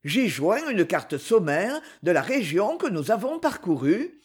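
A man narrating a novel as an expressive audiobook reading. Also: high voice, unhurried, husky. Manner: expressive, literary.

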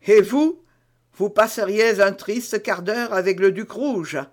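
A man reading the part of a witty, sly young musketeer with a smooth, teasing manner in an audiobook. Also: sits high, slow. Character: witty, sly young male musketeer who longs for the priesthood.

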